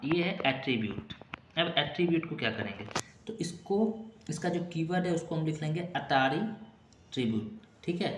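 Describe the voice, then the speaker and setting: A man teaches exam vocabulary in a classroom style, repeating each memory trick several times and dropping in short check-in asides. His voice echoes around a room, and there is clear noise behind it. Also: a little high, a bit bright. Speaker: exam-prep English teacher.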